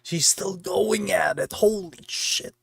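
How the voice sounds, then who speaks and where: A man's voice: sits high, takes it slowly, gravelly, husky, no echo. A man streaming, reading a visual novel aloud and breaking off into joking asides.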